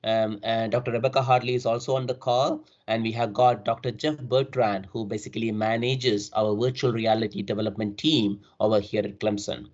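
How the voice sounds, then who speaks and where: A middle-aged university faculty member with a South Indian accent gives an academic presentation over a remote online call, often tagging sentences with "right?". His fairly low, slightly mellow voice has fairly even intonation and moves a little fast with few pauses. The call audio is dull and band-limited.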